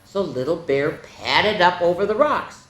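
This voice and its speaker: With a fairly low, expressive voice at a moderate pace, a woman hosts children's story time, reading picture books aloud and speaking directly to young listeners with casual asides. The room echoes noticeably, and faint background noise can be heard.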